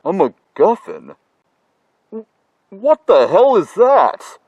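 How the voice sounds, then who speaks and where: A man voicing a naive young masked slasher who talks in a low, gloomy, puzzled drawl in a comedy parody sketch. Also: huge pitch swings, takes it slowly, darkish tone, slightly rough, no room sound, dull audio, exaggerated voice.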